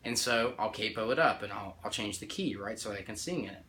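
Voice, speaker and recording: Over background noise and an accompanying guitar, a music teacher with a fairly low voice talks a little fast through a casual theory lesson. He often checks in with "right?", restarting and correcting himself while counting out notes.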